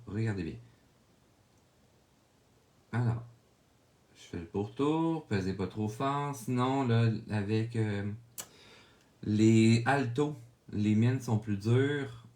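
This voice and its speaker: Slow, low-voiced Québécois man. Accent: Québécois French. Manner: explains each step calmly, often checks in with viewers. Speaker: drawing instructor. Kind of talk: drawing tutorial narration.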